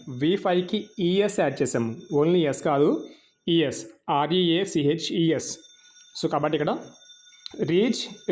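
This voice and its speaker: A man with a Telugu accent teaching English vocabulary, patiently spelling words out letter by letter and repeating each verb form in slow lists. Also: fairly high pitch, darkish tone.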